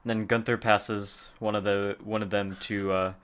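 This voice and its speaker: A man narrating as game master of a tabletop game, halting with fillers and chuckles. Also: lowish voice, little pitch movement, a bit bright, smooth.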